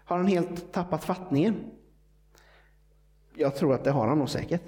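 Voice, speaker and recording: A man's voice: a little high, dark tone. A man preaching a sermon in a conversational, explanatory way, with fillers and small asides.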